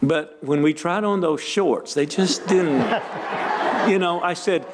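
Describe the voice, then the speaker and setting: A man chairing a council meeting and making relaxed joking remarks. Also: on the high side, slow pace, slight background noise. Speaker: council speaker.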